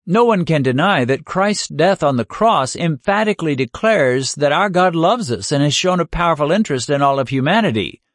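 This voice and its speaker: A man delivers a sermon with an earnest, searching tone, leaning on rhetorical questions and slowing his words to drive points home. His voice sits a little high for a man. The recording is dry and close, with no room sound. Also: expressive, dry recording. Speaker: preacher.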